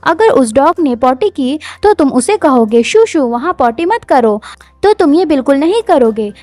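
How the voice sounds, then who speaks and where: A woman voicing a proud, quick-tempered young noblewoman in a manhwa recap, scolding and exasperated. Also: sits high, big pitch swings, a little mellow, no echo.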